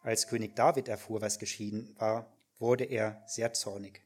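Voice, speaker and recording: A man reading scripture aloud in church with steady, even narration. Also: lowish voice, normal speed. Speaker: scripture reader.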